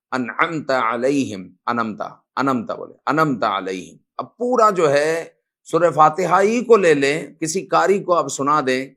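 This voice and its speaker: A man's voice: a little high, sharp tone. A man giving a religious lesson, explaining step by step and reciting verses aloud as examples. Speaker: religious teacher.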